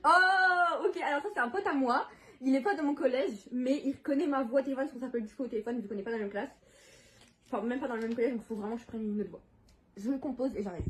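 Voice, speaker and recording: Teen girl vlogger, high and chatty, excitable, casual talk to camera. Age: teens. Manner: chatty, excitable, quick to laugh. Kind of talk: casual prank-call vlog.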